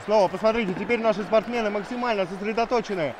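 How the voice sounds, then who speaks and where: A high-pitched, fast-talking man co-commentates a live esports hockey match in a chatty back-and-forth style. Crowd and venue noise fill the background of the noisy venue.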